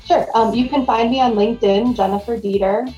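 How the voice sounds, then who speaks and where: A woman with a very mellow, slightly high voice talks as an interview guest in a conversational style. The recording is noticeably echoey and a little dull. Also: steady tone, a little fast, soft background music. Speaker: podcast guest, nonprofit fundraising consultant. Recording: roomy, slightly dull lo-fi sound.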